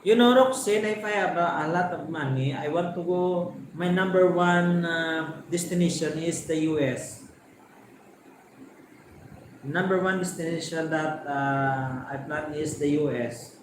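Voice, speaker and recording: A Filipino man in his forties with a Filipino accent, hosting a casual chat and telling his own story in an unhurried, reflective way. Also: fairly high pitch. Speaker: host. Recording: very echoey room with faint background noise.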